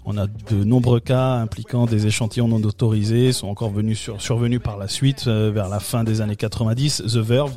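A French man presenting a film segment in a casual radio chat, halting often with fillers and restarts. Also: fairly low pitch, steady tone, dark tone, soft background music. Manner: hesitant, many fillers and restarts.

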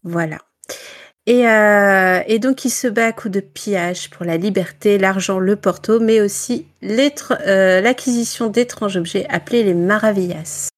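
A woman's voice: mid-range voice, a little slow. A woman from northern France chatting at a book club, presenting a novel with many fillers and self-mocking asides. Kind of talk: casual book club chat.

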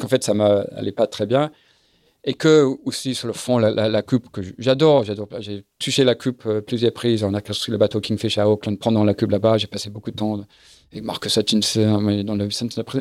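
Low gravelly middle-aged man, halting. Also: steady tone, darkish tone, no echo, clean studio sound. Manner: halting, searches for words, repeats himself often. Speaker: guest, sailing event business founder. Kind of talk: casual interview.

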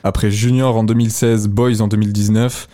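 A young man co-hosting a radio music show, talking through new rap releases in a relaxed, conversational way. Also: on the low side, a little fast. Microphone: studio microphone.

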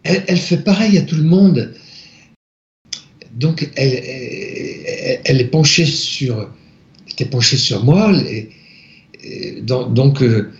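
A French man appearing as an interview guest softly describes a personal spiritual experience, halting as he searches for words. His voice is mid-range, and the room recording sounds echoey and slightly dull.

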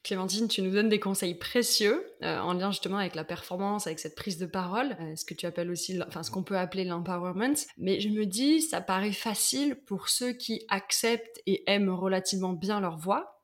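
A woman's voice: medium pitch, brisk, few pauses. A woman hosting a podcast, asking her guest long questions with engaged enthusiasm and frequent fillers. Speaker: podcast host. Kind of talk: interview questions.

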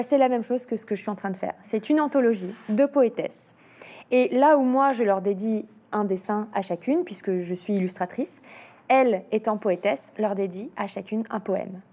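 A woman guest in an interview speaks with a mellow, warm voice at a middle pitch. She is animated but hesitant and often restarts her sentences mid-thought. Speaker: author and illustrator guest. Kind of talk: interview talk.

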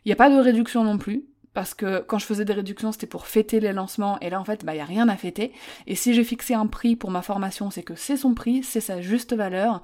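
A woman's voice: mid-range voice, fast talker, a little mellow. A woman hosting a solo podcast, giving marketing advice directly to the listener in a casual, informal way with frequent fillers. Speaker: podcast host.

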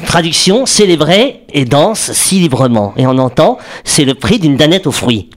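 A man's voice: a little high, sing-song, normal speed. A man presenting a comic segment on a radio show in the studio, playful and chuckling at his own jokes. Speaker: radio columnist.

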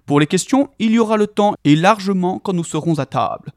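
A man voicing a jolly, boisterous old forest dweller who talks in a hearty, booming, sing-song way. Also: moderate pace, a little mellow, no echo, studio quality, lightly acted. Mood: jovial booming.

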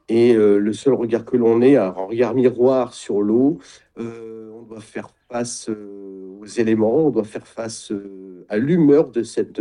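A middle-aged man speaks in a very dark, mellow voice at an ordinary pitch. He is a reflective interview guest who keeps pausing to find the right word. His speech stays calm and inward. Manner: reflective, searches for words, pauses often; describes himself as introverted. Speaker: guest, sailing retreat founder. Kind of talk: casual interview talk.

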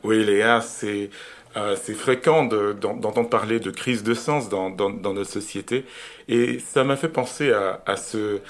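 Un homme à l'accent québécois, coanimateur d'un balado, qui réfléchit à voix haute avec de nombreuses hésitations et reprises, puis lit un extrait à voix haute. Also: male voice, on the low side, a little slow. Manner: hesitant, many restarts. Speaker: podcast co-host. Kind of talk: reflective podcast talk and reading aloud.

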